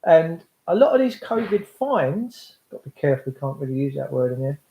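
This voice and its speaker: A man's voice: fairly high pitch, big pitch swings, fairly quick, roomy sound, dull audio, a little hiss or hum. An English man livestreaming an impassioned political monologue to his followers, speaking emphatically and repeating phrases for weight. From England. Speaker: livestream host addressing followers.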